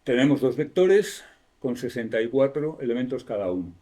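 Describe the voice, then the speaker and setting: A man's voice: medium pitch, sing-song, moderate pace, warm tone. A man with a Spanish accent giving a university lecture in a classroom, explaining step by step, asking the class questions and correcting himself as he goes.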